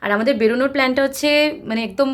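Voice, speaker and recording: Chatty high-voiced woman vlogger. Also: fairly even intonation, rapid-fire, no echo. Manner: chatty, addresses viewers as friends. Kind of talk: casual travel vlog narration.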